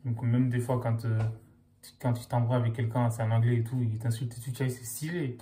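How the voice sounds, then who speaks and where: Young guy vlogging, mellow, slangy and loose, heavy on fillers. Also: mid-range voice, little pitch movement, fairly quick. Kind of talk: casual chat to camera.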